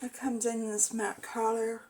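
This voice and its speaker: A woman's voice: a little high, flat delivery, a little slow, a little mellow, poor audio. A woman beauty vlogger chatting casually as she reviews her monthly makeup bag, hesitant and full of fillers. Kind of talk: casual product review chat.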